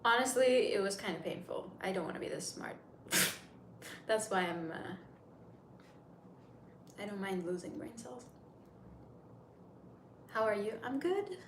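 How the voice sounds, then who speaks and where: A 30-year-old Turkish woman, a native Turkish speaker, hosts a casual livestream in English and rambles chattily while answering viewers. Her medium-pitched voice has lively intonation, runs a little slow and pauses often. The room is echoey with faint noise.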